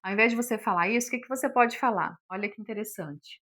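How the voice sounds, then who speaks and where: A woman's voice: medium pitch, fast talker, a bit bright. A woman giving a casual online lesson on sales, talking in a chatty way, full of fillers and acting out sample phrases. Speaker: sales instructor.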